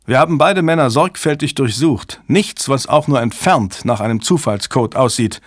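An apologetic male field agent in a thriller audiobook, as a male reader puts him on, reporting in a raised, defensive voice. He sits a little higher than the narrator, in a dry, close recording. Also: animated, normal speed, no room sound, lightly acted.

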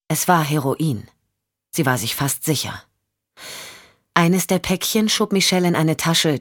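A woman narrating a thriller audiobook in steady, measured storytelling. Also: low voice, no echo, clean studio sound.

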